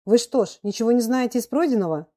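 A woman reads a tired male teacher who is short-tempered with his class. He sounds irritated and scolding, pitched above her reading voice. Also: lively intonation, fast, mellow.

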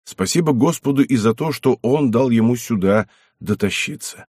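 Male audiobook narrator, husky, expressive and measured, animated intonation. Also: medium pitch, no echo, clean studio sound.

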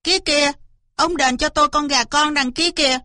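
A woman's voice: steady tone, normal speed, bright, forceful tone, no echo, clean studio sound. A woman voicing a sly, boastful male fox who whines and wails, in a storybook reading. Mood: wheedling. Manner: wheedling, wailing, shrill.

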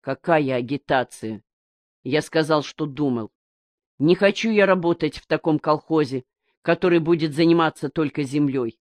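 Blind village elder, read by a woman: blunt, steady, stubborn, dry close sound. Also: sits low, moderate pace, no room sound, natural voice. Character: blind old village man, calm and stubborn. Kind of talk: audiobook character reading.

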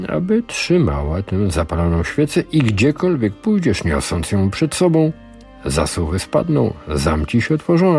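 A man voicing a calm, cynical old sorcerer. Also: on the low side, exaggerated voice. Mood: solemn. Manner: lecturing, slow and measured. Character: scheming older male sorcerer, calm and cynical.

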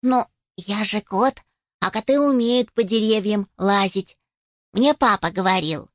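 A woman's voice: a little slow, dry recording, studio quality, close to an everyday voice. A woman voicing a small, boastful male kitten who gets stuck and whimpers in fear. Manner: squeaky, whimpering.

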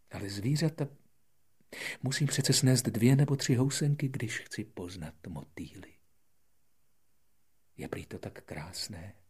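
Proud fragile flower, hushed and breathy, read by a man, audiobook. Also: fairly low pitch. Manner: soft, hushed and half-whispered. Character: proud, fragile female flower, hiding tears. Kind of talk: audiobook character voice.

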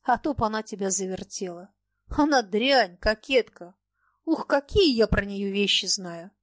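A woman voicing an earnest, sharp-tongued young bookish woman who argues with passion. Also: mid-range voice, lively intonation, no room sound, lightly acted. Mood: scornful. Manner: earnest, impassioned, quick to argue. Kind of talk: audiobook character reading.

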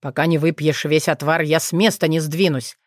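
Brief: female narrator voicing a rough, blunt male werewolf in an audiobook, lower and dry. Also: fairly even intonation, normal speed, dry recording, natural voice. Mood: stubborn. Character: gruff, stubborn male werewolf.

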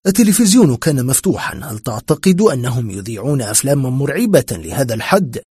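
A man's voice: on the high side, very animated, normal speed, warm tone, husky, no echo, studio quality. A man voicing a skeptical male detective friend in a spoken horror story, talking sarcastically. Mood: sarcastic.

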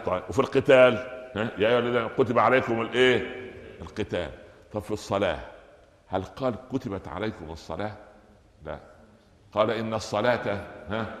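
A man with an Egyptian accent speaks in a fairly low voice, teaching a lively Quran commentary lesson. He keeps asking his listeners questions and answering them himself. His voice echoes around a large hall with a long reverb. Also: quick pace. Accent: Egyptian Arabic. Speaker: preacher giving Quran commentary. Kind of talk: lively colloquial religious lesson.

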